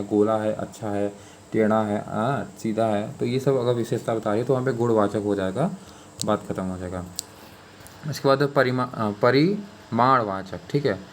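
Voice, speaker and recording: Teaching grammar to exam students, a man explains informally at a mid pitch, repeating himself, checking in with listeners and filling pauses with fillers and "ठीक है". Faint noise lies beneath the recording.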